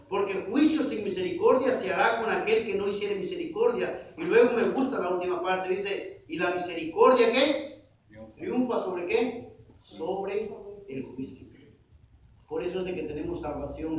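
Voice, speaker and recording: A man's voice: high-pitched, slight background noise. A man preaching a sermon as pastor, asking the congregation questions and calling them brothers. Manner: call-and-response questions to the congregation; addresses listeners as brothers. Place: church sanctuary. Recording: echoey distant dull church recording.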